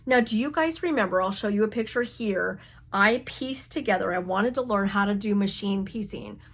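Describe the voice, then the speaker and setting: A woman's voice: mid-range voice, normal speed, a bit bright. A middle-aged woman hosting a crafting vlog from her home craft room, telling a story in a chatty, self-mocking way and laughing often. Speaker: crafting channel host.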